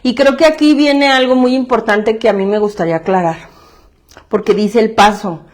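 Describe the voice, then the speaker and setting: A woman's voice: on the high side, normal speed, darkish tone. Blunt, slangy Mexican woman speaker. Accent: Mexican Spanish. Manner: blunt, slangy and emphatic, swears freely; repeats phrases for emphasis. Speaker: self-help group speaker. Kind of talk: candid testimony talk.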